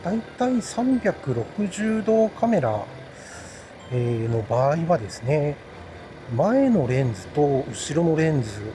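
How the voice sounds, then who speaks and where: Guy motovlogging from inside his helmet, kinda high voice, polite casual chat, loud vehicle noise behind. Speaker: motovlogger reviewing action cameras. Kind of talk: casual solo chat to viewers. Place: riding a motorbike outdoors, talking inside a helmet. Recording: noisy motorcycle ride, inside a helmet.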